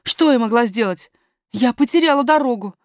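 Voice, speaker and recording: A fretful, scolding nursemaid from a storybook, played by a woman reader. She complains and fusses in a lively voice. The sound is dry and close. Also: a little high, brisk, no room sound, pitched above the performer's own voice, lightly acted. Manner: fussy, complaining. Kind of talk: audiobook character voice.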